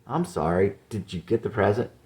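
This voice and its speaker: A man's voice: on the low side, lively intonation, normal speed, a little mellow, pitched above the performer's own voice, close to an everyday voice. A man voicing a lovesick young man who pleads with anxious, raised questions. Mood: pleading.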